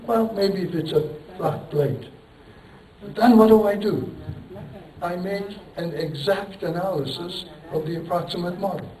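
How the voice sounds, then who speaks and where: An engineering professor whose first language is Turkish gives a conference lecture, his fairly high, darkish voice unhurried and picked up from a distance in an echoey hall. He thinks aloud and rambles, apologizing for it, chuckling, poking fun at himself, and posing rhetorical questions.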